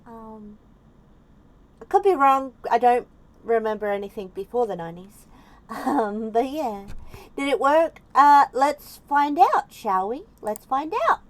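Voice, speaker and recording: A woman with an Australian accent and a fairly high voice talks in a cute anime-streamer manner. She sounds casual and chatty, like someone reacting live for viewers. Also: measured pace. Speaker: VTuber streamer reacting to videos.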